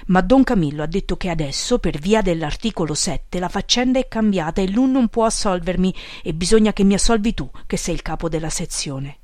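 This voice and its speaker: A woman voicing a big, slow, dim-witted village strongman who talks in a stubborn, plodding, insistent way. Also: fairly low pitch, lively intonation, a little mellow, no room sound, clean studio sound, natural voice. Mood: stubborn pleading.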